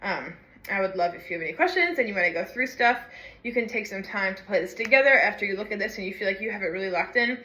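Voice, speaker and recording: Bright-voiced female music teacher, counts and scats rhythms, echoey room. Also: mid-range voice, animated, quick pace. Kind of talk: instructional walkthrough with sung rhythms.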